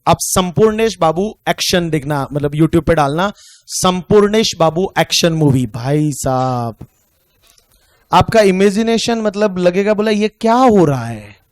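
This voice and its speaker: A man with an Indian accent teaching an online tax class, chatting casually and joking, then slowly dictating questions. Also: high-pitched, lively intonation, dry recording, studio quality.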